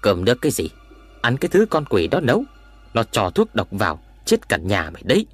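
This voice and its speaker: A man's voice: fairly low pitch, huge pitch swings, brisk, breathy edge, faint music behind, full character voice. A man voicing a grief-stricken, bitter old woman who wails and scolds in a raised voice. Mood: bitter scorn. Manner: wailing, raised voice.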